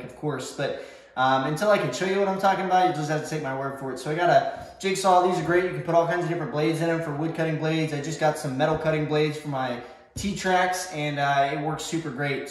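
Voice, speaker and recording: A young man giving a casual, rambling tour of his home garage workshop, filmed by a camera across the room. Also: a little high. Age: young adult. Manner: rambling, filler-heavy, self-correcting. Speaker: woodworking vlogger. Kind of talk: casual shop tour talk. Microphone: far camera. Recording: echoey garage.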